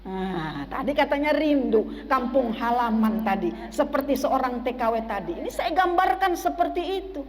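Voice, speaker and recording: A woman's voice: on the high side, big pitch swings, normal speed, few pauses, a little mellow, in a large hall. A woman preaching a sermon to a women's study group, often asking the audience questions. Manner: asks the audience questions and waits for replies. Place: mosque.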